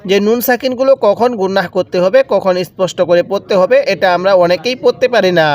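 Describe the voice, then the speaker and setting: A man teaching Quran reading in a step-by-step lesson, chanting each word slowly and drawn out, then explaining the rules in plain talk. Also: high voice. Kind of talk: slow step-by-step recitation lesson.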